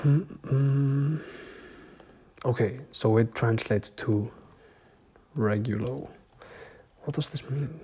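A young man keeps a casual video diary, speaking straight to his viewers at a middle pitch. He rambles through his stories, leans on filler words and laughs now and then. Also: slow, dark tone, husky. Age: young adult. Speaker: vlogger.

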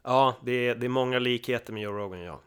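Lively Swedish man telling stories. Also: medium pitch, clear, resonant tone. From Sweden. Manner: lively storyteller who acts out voices. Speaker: podcast guest. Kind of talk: casual podcast chat.

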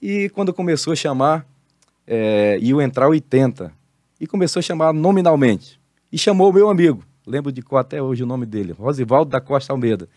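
A man's voice: mid-range voice, brisk, no echo. An older man from Brazil recounts his life as a pastor and former marine. He tells it at an easy interview pace but lands the key lines like a preacher. The sound is close and dry, with no room around it. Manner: animated testimony, preacherly emphasis. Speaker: pastor and retired marine, guest. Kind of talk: casual interview storytelling.

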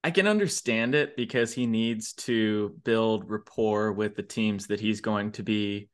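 A man with a fairly low voice co-hosts a casual football podcast. He argues his points with emphasis, his voice jumping up when he leans into them. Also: a little slow. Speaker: podcast co-host. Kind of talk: casual sports chat.

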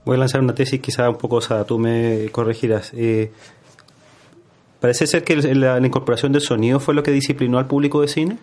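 A man's voice: mid-range voice, fairly even intonation, brisk, darkish tone. A man, a radio host putting a careful question to his guest. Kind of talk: radio interview.

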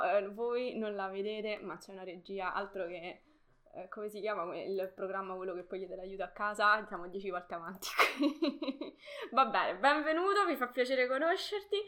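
A woman's voice: medium pitch, moderate pace, fairly bright tone. A young woman hosting a live stream, chatting casually with viewers, greeting them by name and laughing often.

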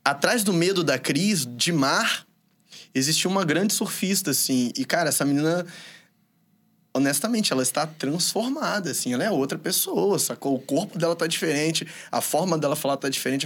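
A man's voice: on the high side, lively intonation, moderate pace, a bit bright. A man hosting a casual podcast, talking reflectively about fear, symbols and the sea. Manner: reflective, draws on symbols and psychology. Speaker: podcast host.

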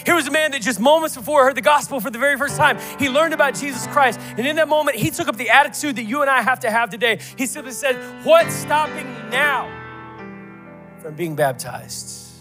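High, bright-voiced pastor preaching emphatically. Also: male voice, fast, hardly any pauses, soft background music. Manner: emphatic preaching with rhetorical questions and builds. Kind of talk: sermon.

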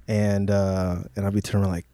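A man's voice: lowish voice, flat delivery, fast talker, mellow, dry recording. A man in a casual chat, a father talking with jokes, slang and many fillers. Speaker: podcast co-host, father.

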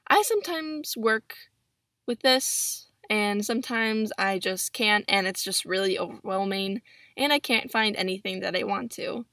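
A teenage girl of 17 hosts her own chatty podcast from a closet cushioned with pillows, using her laptop's built-in microphone. Her mid-range voice is a little slow with a sharp tone, and the sound is clean, studio-like and free of room noise.

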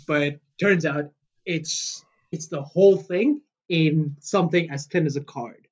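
A man's voice: a little high, unhurried. A man explaining a product upgrade in an upbeat, salesy way, like an infomercial. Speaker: product specialist guest.

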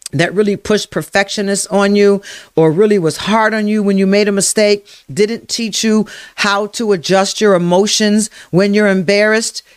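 A workshop leader running a live self-help session, speaking to viewers by name, repeating affirmations slowly and guiding breathing exercises. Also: mid-range voice, clean tone, dry recording, clean studio sound. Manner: slow, emphatic, repeats affirmations and guides breathing. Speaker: emotional wellness workshop leader.

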